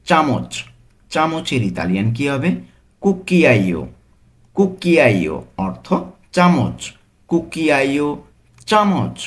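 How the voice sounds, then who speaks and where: A man with a Bangladeshi Bengali accent teaching a vocabulary lesson, slowly saying each word and repeating it with its meaning. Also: medium pitch. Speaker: language teacher.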